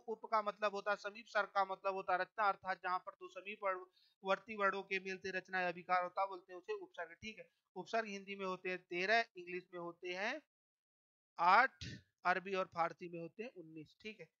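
A man's voice: sits high, level tone, fairly quick, bright, forceful tone, clean tone. A male teacher giving an exam-prep lecture, explaining step by step and checking in with "okay" after nearly every point. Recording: dull lo-fi sound.

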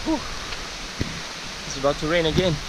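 A young man narrates his hike into a small camera held at arm's length, chatting and thinking aloud as he goes. His voice sits a little high. Rain and rushing water come through clearly behind him. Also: very animated. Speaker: travel vlogger. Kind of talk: casual hiking vlog narration. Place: outdoors on a rainy jungle trail. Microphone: action camera held at arm's length. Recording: outdoor camera audio with clear rain and stream noise.

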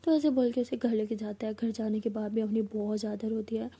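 Casual woman storyteller, husky and dark. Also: on the high side, steady tone, brisk. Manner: conversational, repetitive retelling.

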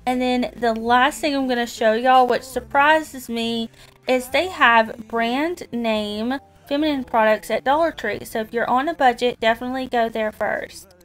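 A dashboard camera captures a Southern-accented vlogger in her thirties chatting about her shopping haul from a parked car, and the recording is rough. She speaks a little slowly in a voice on the high side. Her manner is friendly and chatty, and she calls her viewers "y'all."

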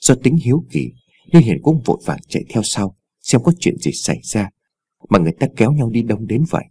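A man narrating a ghost story in a dramatic, expressive reading on a close mic. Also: mid-range voice, a little fast, breathy edge, no echo.

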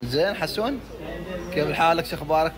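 A man's voice: a little high, lively intonation, fast talker, crowd noise. A man chatting casually and easily outdoors. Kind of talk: casual joking banter.

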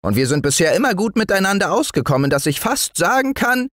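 A man voicing a small gray male forest dwarf in a bedtime storybook, with a thin, high voice and a scolding manner. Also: fast talker, no room sound, studio quality. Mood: earnest. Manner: scolding, lively. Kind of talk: storybook reading.

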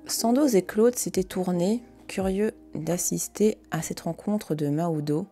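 A woman's voice: fairly low pitch, unhurried, mellow, soft background music. A woman host reading a classic novel aloud on a live stream, with casual, chatty asides between passages.

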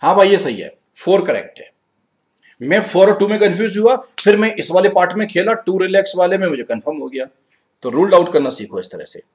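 A man with an Indian accent teaching an English grammar live class in a mix of Hindi and English, energetic and coaxing, reading sentences slowly and murmuring to himself while he checks answers. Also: high voice, slight background noise. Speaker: exam-prep English teacher. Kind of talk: live online class, Hinglish.

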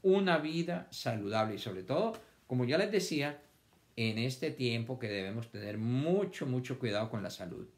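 A man's voice: medium pitch, animated, moderate pace. A man teaching a children's vocabulary lesson, stretching words out syllable by syllable and repeating them for the class to copy.

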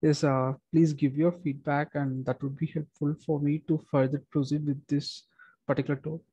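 A young man steps through his engineering software in a measured, methodical way, pausing on fillers and restarting phrases. His voice sits fairly high but sounds mellow. The recording is dull and dry, like a simple desk microphone. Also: little pitch movement, breathy edge, no room sound. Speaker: structural engineer demonstrating software. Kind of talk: screen-recorded software walkthrough.

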